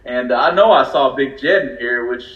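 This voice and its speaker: A man from California co-hosting a racing livestream, excitable and chatty, laughing often as he talks. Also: mid-range voice, normal speed. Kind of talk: casual livestream chat. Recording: roomy, dull lo-fi sound.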